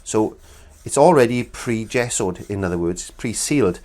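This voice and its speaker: Teaching an art lesson in his small studio, a middle-aged man from Wales sounds congested from a cold. His lowish, slightly mellow voice moves with lively intonation at a moderate pace. The casual demo comes out chatty and rambling, with plenty of restarts.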